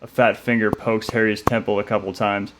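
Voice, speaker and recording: A man reads a dark story aloud with a low voice that barely rises or falls. His delivery is steady and measured, calm even through tense scenes. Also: background noise. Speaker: narrator. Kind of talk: scripted story narration.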